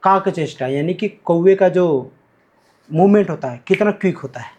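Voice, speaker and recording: A man from Bihar, India, appears as a guest teacher and academy cofounder on a podcast, emphatically explaining verses and switching between Hindi and Marathi. His voice is high and a little mellow, at a normal speed.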